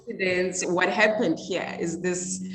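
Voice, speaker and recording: A woman's voice: fairly low pitch, fairly even intonation, unhurried, background noise. A South African woman from the Eastern Cape with a Xhosa accent, interviewing in a literary conversation and switching between two languages. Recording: roomy echo.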